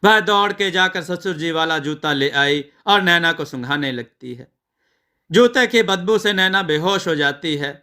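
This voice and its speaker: Male storyteller, measured narration, bright tone. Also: on the high side, animated.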